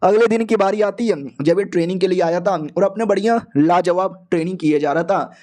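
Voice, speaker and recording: Casual guy doing a comic recap, high pitched but mellow tone, playful slang. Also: fairly quick. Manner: slangy, joking, voices every figure briefly himself. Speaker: anime and manhwa recap narrator.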